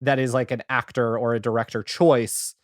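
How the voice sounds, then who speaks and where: A man who creates audio fiction chats casually as a podcast guest, enthusiastic and rambling, with plenty of filler "like". His medium-pitched voice has fairly even intonation and a moderate pace, captured at studio quality with no echo.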